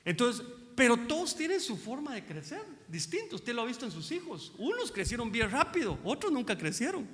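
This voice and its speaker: Male pastor, high and very animated delivery, folksy sermon with rhetorical questions, long hall reverb. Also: fairly quick. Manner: asks the congregation rhetorical questions, addresses them as brother; folksy, joking asides. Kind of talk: conversational sermon. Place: church hall.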